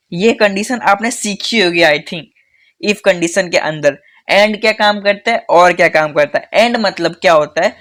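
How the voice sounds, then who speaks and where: A man teaching a casual coding tutorial who talks fast in a chatty way, calls viewers "bhai" and repeats phrases for emphasis. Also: high-pitched, a bit bright. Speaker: coding instructor.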